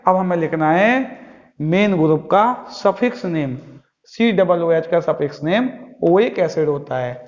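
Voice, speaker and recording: A male chemistry teacher gives a classroom lecture in an unhurried, darkish voice on the high side with lively intonation. He asks his students questions and answers them himself in a patient, drilling way, captured in an echoey, dull lo-fi recording.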